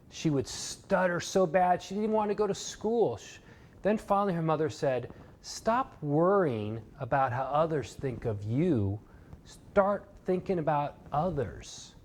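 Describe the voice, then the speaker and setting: A man's voice: a little high, a little mellow, slight background noise. A man giving a motivational course lecture, telling a fable in an earnest, emphatic storytelling way. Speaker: motivational speaker.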